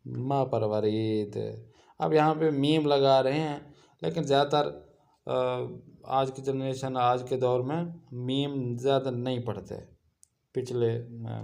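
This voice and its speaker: A man teaching a grammar lesson, explaining rules and spelling out example phrases slowly and deliberately. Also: medium pitch, vocal fry, dark tone. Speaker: Persian language teacher.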